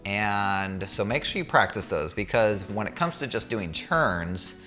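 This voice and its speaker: Deep-voiced man telling a casual story. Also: expressive, unhurried, bright, forceful tone, soft background music. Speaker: student pilot recounting a checkride.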